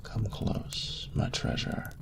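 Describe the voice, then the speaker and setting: In an intimate romantic audio roleplay, a man plays a proud, flirtatious male dragon, using a gravelly, half-whispered rumble and grandiose, formal, unhurried phrasing. His voice stays natural, and the mood is hushed and reverent, like storytelling.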